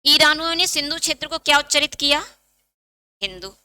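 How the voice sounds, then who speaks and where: A woman's voice: high voice, lively intonation, a little fast, pushed and bright, no echo. A woman teaching a Hindi exam-prep lecture, asking questions and answering them herself, and dictating note points.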